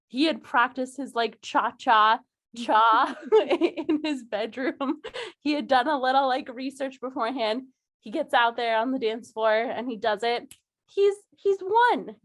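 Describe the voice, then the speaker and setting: High-voiced giggly young woman. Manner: giggly, animated, lots of fillers. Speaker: podcast co-host. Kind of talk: casual chat.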